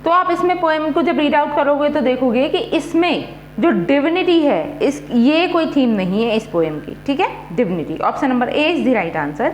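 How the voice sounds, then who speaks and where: A woman's voice: high voice, animated, measured pace, echoey room, a little hiss or hum. A woman teacher running an exam-prep quiz, mixing Hindi and English as she reads each question, repeats the options and then gives the answer.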